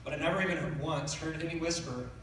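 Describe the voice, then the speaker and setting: A middle-aged man giving a personal funeral speech as a son, speaking in a tender, faltering way with halting phrases and repeats. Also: a little high, fairly bright tone. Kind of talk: personal funeral speech, partly read from notes. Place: large reverberant indoor room. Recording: echoey room, distant mic, faint noise.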